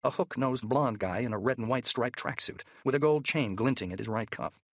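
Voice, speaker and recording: Guy reading a thriller audiobook, husky low voice, dry close mic. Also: a little fast, no echo. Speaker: audiobook narrator. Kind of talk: scripted thriller narration.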